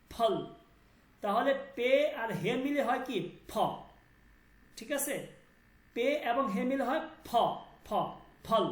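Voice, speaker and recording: A man teaching an online language class, patiently repeating sounds and checking that students understand. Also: extremely high pitch. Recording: roomy echo.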